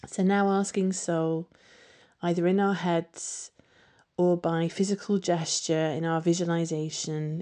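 A woman leading a guided meditation with soothing, unhurried instruction. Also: lowish voice, mellow.

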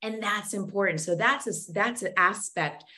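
A woman from Zambia, guesting on a podcast interview, speaks with a mid-range, sharp-toned voice at normal speed. Earnest and wordy, she talks passionately and often restarts her sentences.

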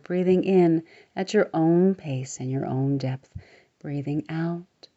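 A woman guides a meditation slowly and soothingly, her low, mellow voice often sinking to a soft near-whisper. The recording sounds a little dull and muffled.

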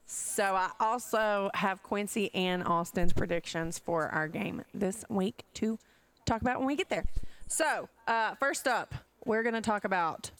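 A woman hosting a casual sports podcast, chatty and quick to laugh as she reads through notes. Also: mid-range voice, fairly bright tone. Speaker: podcast host. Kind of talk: casual chat.

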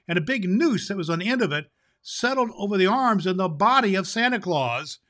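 A man playing a jolly old Santa Claus who hosts a show and reads a Christmas story aloud, with booming ho-ho laughs. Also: animated, brisk, fairly bright tone. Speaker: host. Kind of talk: storytelling podcast.

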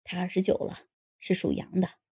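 A woman's voice: completely flat delivery, normal speed, mellow. A woman voicing a drunk, gullible married man in an audiobook, sheepish and boastful by turns. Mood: tipsy boastful. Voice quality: low husky voice. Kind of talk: audiobook character voice.

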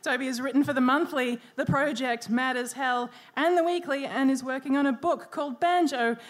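A woman's voice: sits high, normal speed. A woman hosting a comedy debate on stage, introducing the next debater with playful, dry jokes. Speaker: host. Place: comedy venue before a live audience.

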